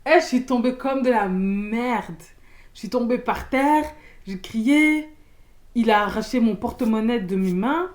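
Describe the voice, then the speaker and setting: A young woman from Belgium, telling a storytime in casual slangy chat, loud and expressive, acting out the people in her story. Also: fairly high pitch, measured pace. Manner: casual slangy talk with many fillers.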